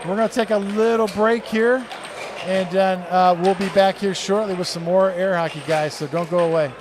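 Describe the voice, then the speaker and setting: A high-pitched man calls the action as a live air hockey commentator, upbeat and quick with his affirmations. He repeats words as he goes. The audio is noisy, with a tournament venue humming behind him. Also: fairly even intonation.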